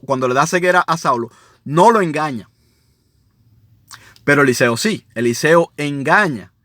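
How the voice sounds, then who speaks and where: A man's voice: medium pitch, fairly bright tone, dry recording. Man teaching scripture in a dry, close recording. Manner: conversational, checks in with listeners often. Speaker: Bible teacher. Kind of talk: Bible study teaching, reading scripture with commentary.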